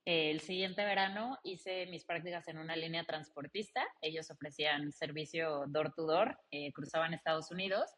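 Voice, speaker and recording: Speaking low at a moderate pace with hardly any pauses, this Mexican-accented woman from León, Guanajuato, is an interview guest and the founder and CEO of a logistics company. In a casual conversational interview, she tells personal stories animatedly and chattily, quoting dialogue as she goes.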